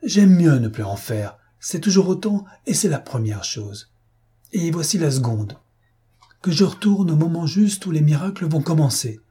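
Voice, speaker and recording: A man's voice: on the high side, big pitch swings, normal speed, dark tone, husky, pitched above the performer's own voice, heavily acted. A man voicing a panicked ordinary man crying out against a storm in an audiobook, frantic and pleading. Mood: urgent commanding. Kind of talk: audiobook character voice.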